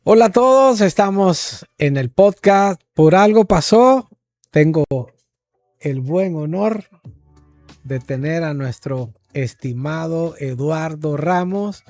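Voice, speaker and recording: A male podcast host with a warm, mellow tone, recorded close and dry. He sounds upbeat and welcoming, and his pitch sits somewhat high. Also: animated, slow pace, dry recording, faint music behind. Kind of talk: podcast interview.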